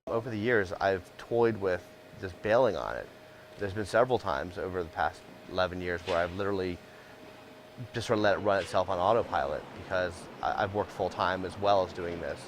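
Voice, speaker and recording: A middle-aged man with a deep voice talks briskly and off the cuff about his job as a tour guide, conversational and matter-of-fact. He owns and guides for a ghost tour company, and there's background noise.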